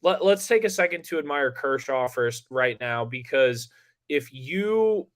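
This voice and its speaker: A man's voice: medium pitch, unhurried. Young guy w an average voice, chill but gets hyped, sports pod co-host. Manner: casual, excitable, lots of likes and yo. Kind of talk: fantasy baseball podcast chat.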